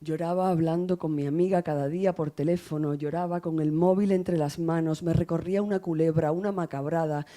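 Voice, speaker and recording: Woman from spain reading her poem, slow and grave, low mellow tone. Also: steady tone. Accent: Spain Spanish. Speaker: poet reading her own work. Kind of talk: poetry recitation.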